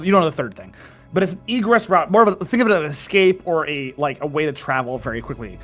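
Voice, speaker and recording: A fairly high male voice leads a tabletop game as game master. He narrates dramatically and often sinks to a hushed murmur for effect. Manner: dramatic, hushed narration with sudden drops in volume.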